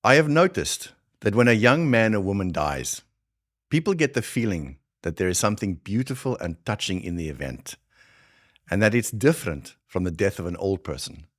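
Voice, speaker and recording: Man voicing an older Afrikaner yarn-spinner, heavy Afrikaans South African accent, very low and deliberate. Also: big pitch swings. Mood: solemn, wry. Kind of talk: dramatic reading of a short story.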